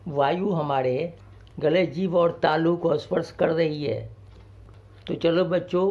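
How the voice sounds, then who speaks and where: Male teacher, children's grammar lesson, slow and patient, mellow tone, muffled lo-fi sound. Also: fairly high pitch. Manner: slow, patient, explains each point twice.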